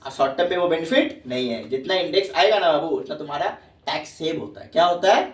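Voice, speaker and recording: With a fairly high pitch and a quick pace, a man lectures a class on tax, calling his students "babu" and repeating questions to see if they're keeping up. The recording is echoey, captured far from the mic in the classroom.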